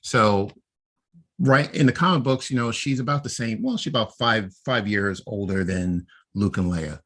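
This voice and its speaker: On a casual podcast, a man with a low, slightly husky yet fairly bright voice walks through fan theories one step at a time. He keeps tossing in a quick "right?" to keep his co-host with him.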